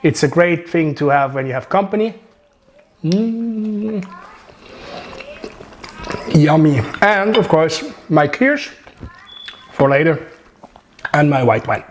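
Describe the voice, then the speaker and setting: A man's voice: fairly high pitch, slow, pauses often, a little hiss or hum. A man with a Swiss accent, a chef chatting and joking through a cooking demonstration in his home kitchen. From Switzerland. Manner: chatty, joking, relaxed instructions.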